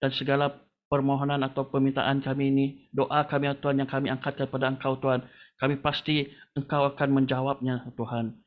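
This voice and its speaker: A man's voice: mid-range voice, monotone, fairly quick. A man leading a congregation in a long spoken prayer, calling on the Lord after nearly every phrase. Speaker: prayer leader. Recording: tinny phone-like line.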